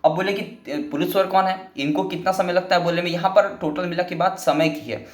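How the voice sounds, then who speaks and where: A man's voice: high voice, steady tone, a little fast, echoey room. A man teaching a Sanskrit lesson, patiently explaining and restating each point several times.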